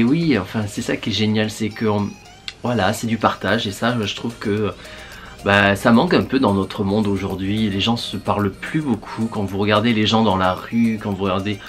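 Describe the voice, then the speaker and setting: A man, a beauty vlogger, chatting casually to his viewers while putting on a face mask, thinking aloud with many fillers. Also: on the low side.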